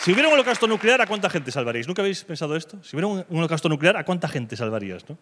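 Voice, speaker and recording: Fast, lively Spanish comedian. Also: male voice, a little high, some chatter behind, slight background noise. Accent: Spain Spanish. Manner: provocative dark humor, swinging from mock-calm to loud. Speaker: stand-up comedian. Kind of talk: stand-up comedy.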